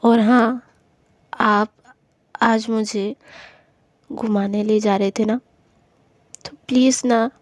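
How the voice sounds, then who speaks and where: A woman's voice: high voice, steady tone, a little slow, dark tone, no echo, voice pushed up. A woman voicing a young woman in love who apologizes, coaxes and pleads with her upset girlfriend in a storytelling reading. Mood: soft whisper.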